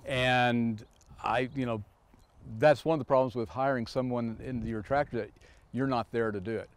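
A man's voice: mid-range voice, steady tone, clean tone. A man in his fifties, a farmer from Kansas, telling a story in a casual interview with lots of fillers and restarts, in a machine shed. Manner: halting, storytelling with many fillers. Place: open machine shed by a tractor.

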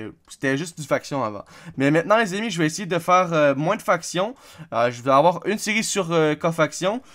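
A man's voice: fairly high pitch, a bit bright. A man with a Québécois accent giving a casual, rambling channel update to his viewers, with lots of fillers and restarts. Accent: Québécois French. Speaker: gaming YouTuber.

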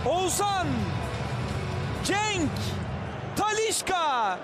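A man giving live football commentary, screaming and repeating player names in drawn-out shouts. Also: very high-pitched, very animated, over loud music. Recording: very noisy broadcast, loud crowd roar. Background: roaring stadium crowd.

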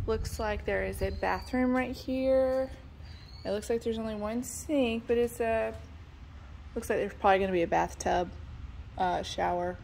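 A female real estate agent records a relaxed walkthrough video on her own phone, chatting and thinking aloud with many ums as she explores a house under construction, both inside and in the yard. Her medium-pitched voice is gravelly and a little mellow, with slight background noise.

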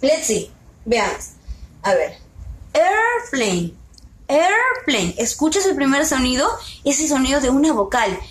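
A woman teacher giving a slow, patient lesson to young children, asking questions and repeating each word. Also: high voice, expressive, roomy sound, low-quality recording.

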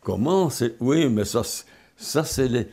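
An older man from Belgium, recounting his memories in an interview in a halting way, often restarting and repeating words. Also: medium pitch, animated, darkish tone, husky. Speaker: interviewee, former wartime pilot.

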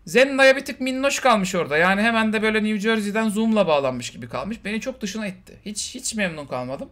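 A man co-hosting a casual film review chat, talking in an animated way and mimicking characters in quick asides. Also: sits high. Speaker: podcast co-host.

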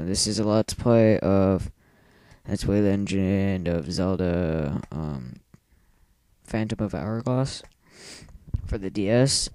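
Rambling gravelly-voiced young teen gamer. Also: male voice, deep voice, a little mellow, no echo. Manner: rambling, mumbled asides, frequent ums. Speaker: let's player. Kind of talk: casual live game commentary. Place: home. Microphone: computer mic, clipping when loud.

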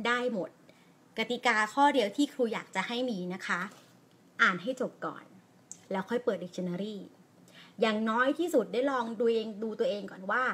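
A woman teacher with a Thai accent speaks in a bright, slightly high voice. She talks in an encouraging, chatty way to viewers of a live lesson and reads aloud slowly, pausing at each comma and full stop. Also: slightly rough. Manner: slow, deliberate reading aloud with pauses at punctuation. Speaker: English teacher. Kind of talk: live-streamed language lesson.

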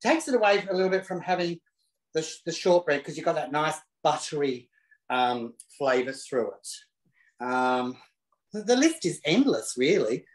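A slightly high-voiced man, animated but measured in pace, presents a casual live cooking demonstration in his home kitchen. He's camp and chatty, throwing in cheeky asides. It's captured by a camera he placed himself, with spacious kitchen echo.

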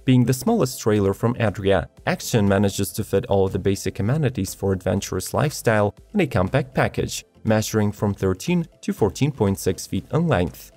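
A man narrating a scripted product video in an even, measured read of specifications. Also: on the low side. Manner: even, measured reading of specs. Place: studio voice-over. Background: faint background music.

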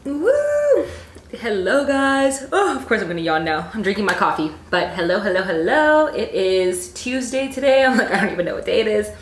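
A woman's voice: medium pitch, fast talker, hardly any pauses, slight background noise. A young woman from Canada chatting casually in a home vlog as a fitness coach, rambling with lots of fillers. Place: at home indoors.

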